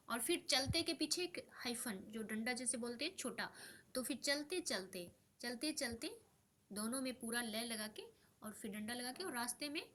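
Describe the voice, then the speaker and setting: A young woman patiently teaches Hindi spelling, repeating each word as she goes through a practice paper and mixing in English words and phrases. It's late at night and she sounds sleepy, and her voice is a little high, pushed, and bright.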